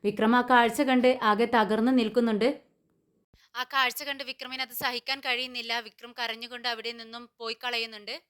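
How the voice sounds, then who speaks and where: Bright, clear-voiced woman retelling a serial. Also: fairly high pitch, flat delivery, brisk. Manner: retells scenes, reading characters' quoted lines in her own voice; frequent restarts and filler sounds. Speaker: serial recap narrator. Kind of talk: voice-over story retelling. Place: home voice-over, not the pictured place.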